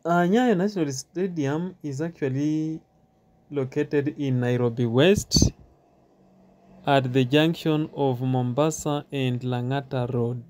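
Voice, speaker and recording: A man giving a walking stadium tour outdoors, talking haltingly with many filler pauses and repeats, recorded on a handheld phone. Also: medium pitch, dark tone. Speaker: tour guide.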